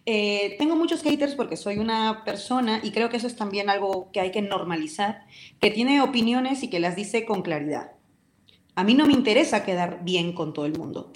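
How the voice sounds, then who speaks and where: A woman from Peru, with a Peruvian Spanish accent, speaks passionately and vehemently as a guest on a radio interview. Her medium-pitched voice sounds reverberant.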